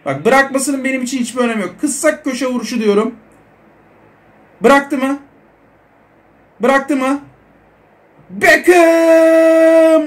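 High-voiced excitable young gamer man. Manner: excitable, chatty, talks to viewers. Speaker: mobile football gaming creator. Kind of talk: casual gameplay commentary.

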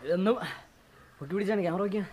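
Casting: Malayali male vlogger, slightly high voice, agitated, mouth on fire from spicy food, some background noise. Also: rapid-fire, mellow. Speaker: vlogger doing a spicy chip challenge. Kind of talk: casual vlog chat to viewers.

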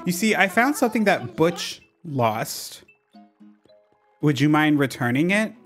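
A man's voice: on the high side, sing-song, measured pace, fairly bright tone, soft background music. A man voicing a polite female cat villager from a cartoon game, reading her lines plainly.

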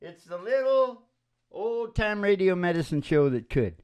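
An older man hosts a radio music show, trading rambling, joking banter into a close stand microphone with a wry manner and frequent chuckles. His high voice swings widely in pitch at a measured pace, sounding a little mellow and smooth. He is in a small, dim indoor room with a wood-panelled wall.

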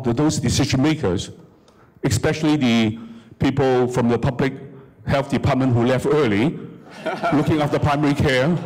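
A man's voice: medium pitch, a little mellow. A middle-aged man, speaking from the floor of a conference hall into a handheld mic, emphatic and critical, asking rhetorical questions. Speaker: audience member commenting. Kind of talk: impassioned comment from the floor. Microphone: handheld microphone.

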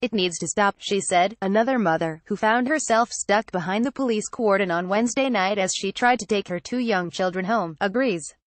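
A woman reading a news article aloud as scripted narration, in an even, flat delivery. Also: medium pitch, normal speed, hardly any pauses, no echo. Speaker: news reader.

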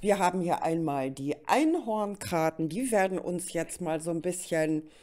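Seated at an indoor card table, a middle-aged woman with a slight cold hosts an informal tarot reading, chatting straight to the listener. Her voice is fairly low, expressive and a little mellow, at a normal pace.

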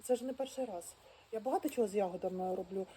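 A woman talking casually and with great excitement straight to her viewers, full of exclamations. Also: mid-range voice, rapid-fire, very noisy. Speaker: vlogger arranging flowers. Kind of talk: casual how-to chat. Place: outdoors at home, birds nearby.

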